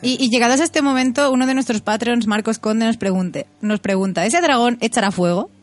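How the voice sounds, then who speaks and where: A woman with a fairly high voice and an accent from Spain. She talks informally as a podcast co-host, playfully putting on formality for jokes. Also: fairly even intonation, brisk. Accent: Spanish from Spain. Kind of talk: casual group chat.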